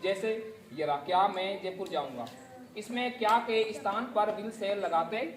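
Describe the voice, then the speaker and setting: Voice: mid-range voice, moderate pace, a crowd in the background. Teacher quizzing a class, heard from afar. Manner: spells words letter by letter and quizzes the class. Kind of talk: classroom grammar lesson. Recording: echoey classroom from far off. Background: class of students answering.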